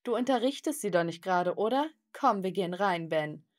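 A controlling, snobbish middle-aged mother from an animated story, played by a woman. She scolds and accuses in a sharp, bossy way. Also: medium pitch, brisk, natural voice. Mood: accusing.

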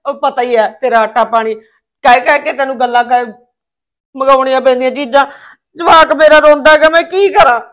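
A woman playing a fast-talking, fed-up wife. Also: high-pitched, steady tone, lightly acted. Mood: scolding. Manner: complaining, scolding. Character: weary, fed-up wife and mother. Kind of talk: village short-film acting.

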